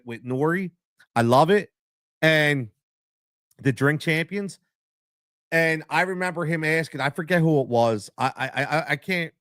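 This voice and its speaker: A middle-aged man with a Philadelphia accent hosting a live stream, talking in an animated, repetitive way full of stammered restarts. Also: on the high side, no echo, clean studio sound. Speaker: show host.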